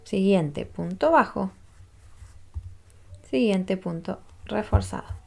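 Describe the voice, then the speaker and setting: A woman's voice: medium pitch, slow, creaky, dark tone. A woman, patiently teaching a crochet tutorial step by step and checking in with listeners as she counts rows aloud. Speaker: crochet instructor.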